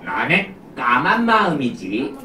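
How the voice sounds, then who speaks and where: A low, sneaky spirit of mischief murmurs temptations, as a woman puppeteer puts it on. It talks in a sly, egging tone, and the sound is echoey and a little distant, with faint background noise. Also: big pitch swings, slow pace, pushed and bright, full character voice. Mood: sly coaxing. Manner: sly, whispering persuasion, egging on. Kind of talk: live puppet show for preschoolers. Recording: roomy, distant live room recording.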